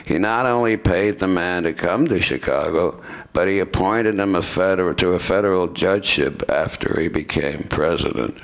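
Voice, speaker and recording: A low-voiced man in his seventies narrates a staged radio play put on by retired students, reading his script deliberately and stumbling now and then. He stands at a lectern microphone on a stand in a lecture room before a seated audience.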